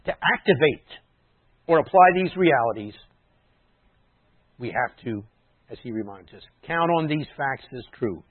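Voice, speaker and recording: A man delivers a teaching sermon at a middle pitch, patient and explanatory. He often drops his voice for quiet asides. The sound is thin and phone-like, with no room echo. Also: animated, unhurried, long pauses. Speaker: messianic rabbi preaching. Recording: dry tinny phone-like sound.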